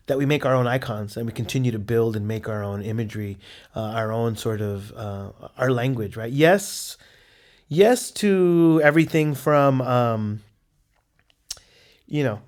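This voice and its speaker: A man answering interview questions in a casual, enthusiastic, animated way. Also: mid-range voice. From United States. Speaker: artist guest.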